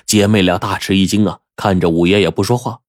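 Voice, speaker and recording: A man telling a story as narrator, in lively narration. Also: low voice, fairly quick, no echo, clean studio sound.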